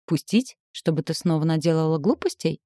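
A woman reading a story voices a cold, sneering man with a low, dark tone, making him threaten in a calm, quietly controlled way. She speaks briskly, and the recording is dry and close with no room sound or echo.

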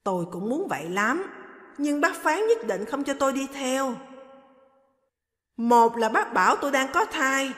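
Indignant young woman, woman narrator doing her, bright lively lines, long hall reverb. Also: high voice, full character voice.

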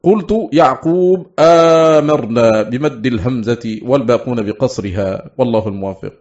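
A man reading a scholarly text aloud in a steady, deliberate way, chanting some quoted verse words. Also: mid-range voice. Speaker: audiobook reader. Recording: slightly dull lo-fi recording.

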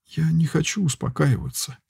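A man's voice: on the high side, steady tone, normal speed, vocal fry, darkish tone, slightly rough, no room sound, clean studio sound, voice pushed up, exaggerated voice. A man reading an audiobook voices a frightened young girl in love, pleading with a trembling, urgent voice.

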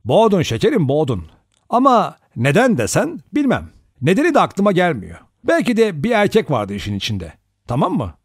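A cool, sardonic young man who talks bluntly and probes with a teasing edge, voiced by an audiobook narrator. His delivery is lively and full of pitch movement. The recording is dry and close. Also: normal speed, slightly rough, no room sound, exaggerated voice. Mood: wry. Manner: teasing, then grave and steady. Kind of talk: audiobook reading.

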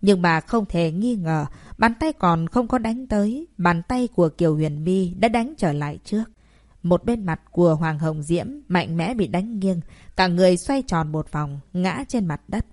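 A woman reading a dramatic novel aloud as narrator, in a steady storytelling voice. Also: lowish voice, moderate pace, no echo, studio quality. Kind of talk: audiobook narration.

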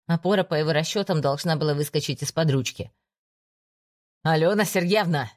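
Low, dark-voiced woman narrating. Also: fast. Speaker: audiobook narrator. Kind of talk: scripted narration.

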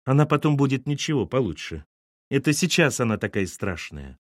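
A man voicing a relaxed, wry young new mother in an audiobook. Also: medium pitch, a little fast, no echo, studio quality.

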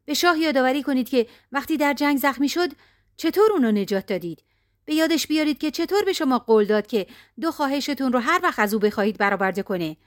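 A woman's voice: animated, no echo, studio quality. A woman voicing a scheming spiteful maidservant. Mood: urgent scheming. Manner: urgent, insistent, raised pitch.

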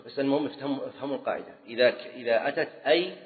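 A man's voice: mid-range voice, very fast. A man teaching a class on jurisprudence, repeating key phrases and putting questions to his students. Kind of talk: classroom lecture. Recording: tinny lo-fi recording in a reverberant hall.

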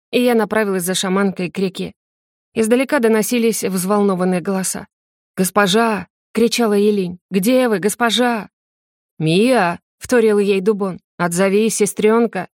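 A woman narrating a first-person fantasy audiobook in a gentle, expressive storytelling manner. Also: mid-range voice, no room sound, clean studio sound.

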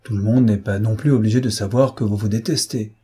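A man voicing a gentle, tactful princess who softly admonishes a young girl in a read novel. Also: on the low side, fairly even intonation, brisk, breathy edge.

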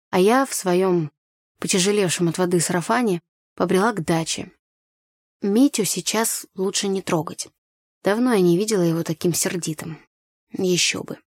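A woman reads a first-person teen novel aloud in a lively, expressive way, close to the mic. Her voice sits in a middle pitch and the recording is dry, with no room around it. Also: no room sound. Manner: lively, acts out dialogue. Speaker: audiobook narrator.

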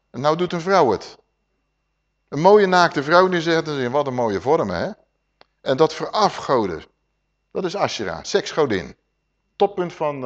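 Animated man preaching on a dull lo-fi recording. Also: high voice. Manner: animated, rhetorical questions to the congregation, acts out voices. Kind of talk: lively Bible teaching.

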